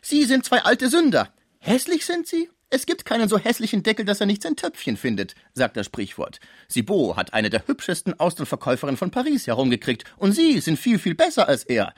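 A man putting on a shrill gossiping concierge woman. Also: wildly swooping pitch, fairly quick, no room sound, clean studio sound, heavily acted. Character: nosy chattering middle-aged female concierge. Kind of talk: radio book reading.

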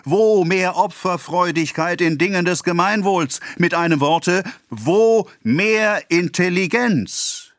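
A man voicing a pompous male government official, declaiming a speech slowly and loudly in an audiobook reading. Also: high voice, dry recording, studio quality, voice pushed up. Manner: declaiming, slow and loud.

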